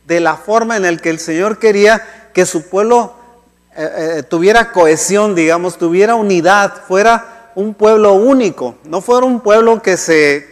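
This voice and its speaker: A man with a fairly high voice delivers a sermon in a loose, conversational way. He repeats words as he searches for them and keeps checking in with his listeners. His voice rings out with the long reverb of a church hall. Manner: conversational, many restarts and "¿sí?" checks, acts out quoted complaints. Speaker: pastor.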